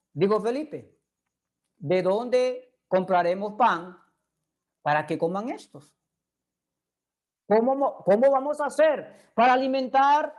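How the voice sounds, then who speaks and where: A woman's voice: high voice, a little mellow. A woman preaching a sermon in Spanish. She speaks earnestly and keeps turning to her listeners with direct questions.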